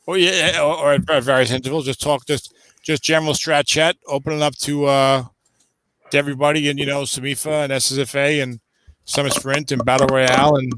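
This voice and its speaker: A man's voice: medium pitch, level tone, brisk, fairly bright tone, no room sound. A man hosting a casual league chat, teasing his friends with stammering starts.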